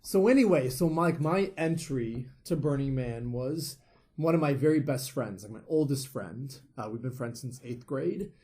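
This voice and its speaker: A man guesting on a podcast, telling a story in a relaxed way with many fillers. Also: medium pitch, normal speed. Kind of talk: casual storytelling.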